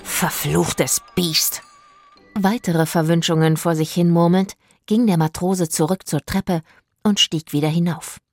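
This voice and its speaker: A woman narrating a children's audio mystery with expressive storytelling. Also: lowish voice, normal speed, no echo, soft background music.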